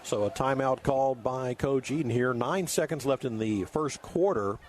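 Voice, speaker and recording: A man doing live high school football play-by-play as the announcer. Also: normal speed, darkish tone. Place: stadium press booth.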